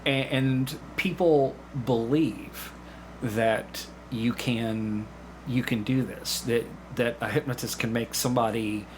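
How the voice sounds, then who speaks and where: As a guest on a podcast, a clinical hypnotherapist who is also a community actor explains what he does, illustrating it with examples voiced as quoted dialogue. He speaks slowly in a steady, mid-range voice. The audio is poor, with a little hiss or hum.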